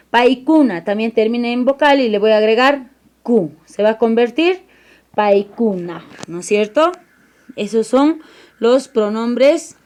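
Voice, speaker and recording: A woman teacher giving a recorded lesson, slowly and patiently repeating each answer back as a question. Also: a little high, darkish tone.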